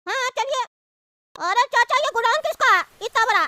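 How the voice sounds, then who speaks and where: Lady doing a squeaky fussy cartoon boy, all over the place in pitch, noisy background. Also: lively intonation, normal speed, pushed and bright, dry recording, full character voice. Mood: cheeky. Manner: argumentative, demanding, suspicious. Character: cheeky fussy young male lad.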